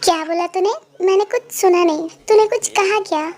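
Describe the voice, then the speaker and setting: A woman's voice: very high-pitched, normal speed, darkish tone. A woman voicing a hot-tempered older brother who scolds, mocks and threatens his younger sibling, in a fan-dub drama. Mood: smug.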